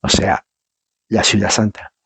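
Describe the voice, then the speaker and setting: A man's voice: unhurried, a bit bright, dry recording. A man preaching a Bible teaching sermon, reading verses aloud and explaining them, emphatic and firing rhetorical questions at the congregation.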